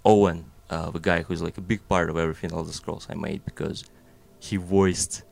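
In a deep, gravelly voice with a steady tone and normal speed, a young Russian-accented man chats casually as an animator guest. He rambles through his thoughts with lots of fillers and self-deprecating jokes.

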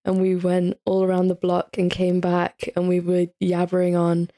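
This podcast guest, an English woman in her early twenties who spent part of her upbringing in Italy and Saudi Arabia, speaks in a British accent with a lowish, dark, monotone voice at normal speed. Her storytelling is casual and chatty, with frequent uses of "like."

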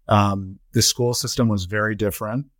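A middle-aged man with roots in Colorado, United States, and Trinidad, a nonprofit chief executive, reflects on his life as an interview guest, building his account phrase by phrase in a measured way. His voice sits on the low side and is fairly bright, with fairly even intonation. The sound is very dry, with no room around it at all.

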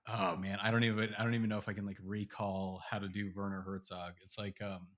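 A man's voice: lowish voice, little pitch movement, fast talker. A man co-hosting a podcast, rambling in casual chat with lots of fillers.

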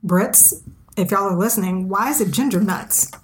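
A woman with a mid-pitched voice teases her co-host in easy podcast chat. She sounds like she is in an echoey room, with a faint hiss underneath. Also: normal speed. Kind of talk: casual chat.

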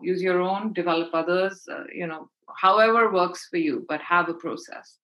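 A woman's voice: on the low side, fairly even intonation, normal speed, fairly bright tone, poor audio. A woman giving conversational advice as an expert podcast guest, explaining her points with emphasis.

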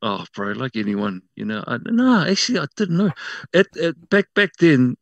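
A man from South Auckland with a New Zealand accent, telling personal stories casually as an interview guest, often halting and correcting himself. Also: fairly high pitch, big pitch swings, gravelly, no room sound. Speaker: interview guest working in media.

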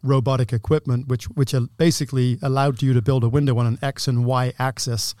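A man's voice: mid-range voice, little pitch movement, a little fast, a little mellow, dry recording. Brief: man from England, 60s, mid-range voice, detailed and assured, dry studio sound. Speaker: guest, window company owner. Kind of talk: casual interview talk.

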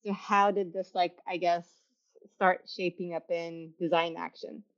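A woman's voice: lowish voice, little pitch movement, unhurried. A young woman from Turkey hosting an interview over a video call, chatty and full of restarts. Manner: chatty, many restarts and fillers, laughs often. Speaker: podcast host. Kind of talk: casual interview chat. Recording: slightly dull, lo-fi sound.

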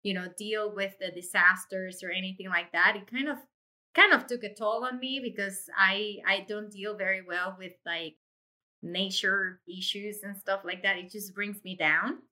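Speaking at normal speed in a sharp, mid-range voice, a middle-aged Puerto Rican woman shares her personal career story in a conversational interview. As the owner of an insurance agency, she describes her own experience in an expressive, effusive way.

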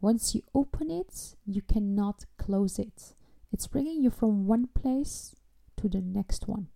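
A woman hosting an interview show, speaking in a measured, deliberate way. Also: mid-range voice, expressive, gravelly, dark tone. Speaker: podcast host. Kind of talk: interview and scripted intro.

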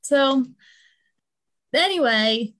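A young woman from the East Coast chatting as a podcast co-host, quick and giggly, laughing at her own jokes. Her voice sits a little high. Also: expressive, a bit bright. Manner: fast-talking, giggly, self-mocking. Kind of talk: casual chat.

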